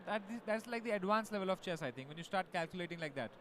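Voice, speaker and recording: A man's voice: sits high, expressive, quick pace, fairly bright tone, slight background noise. A man with an Indian accent giving casual, explanatory live chess commentary. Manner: conversational, explanatory.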